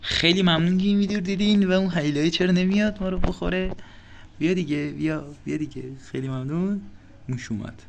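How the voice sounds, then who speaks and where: Young male gaming host, slightly higher pitch, gravelly, faint hiss behind, joking horror commentary. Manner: jokey, taunting, quick exclamations. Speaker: gaming YouTuber.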